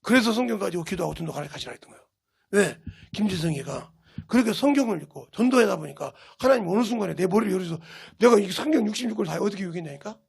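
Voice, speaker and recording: Gravelly, raspy-voiced preaching man. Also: sits high, animated, fast. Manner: fervent, scolding, bursts into shouts. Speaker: pastor. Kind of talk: sermon. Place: church, livestreamed service.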